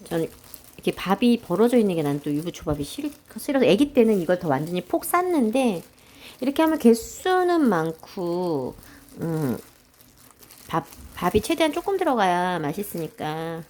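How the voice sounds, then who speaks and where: A woman chatting casually and alone while she cooks at home, thinking aloud in an unhurried, hesitant way. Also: on the low side, sing-song, dark tone, slight background noise. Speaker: home cooking vlogger. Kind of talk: casual solo chat while cooking. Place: at home while preparing food.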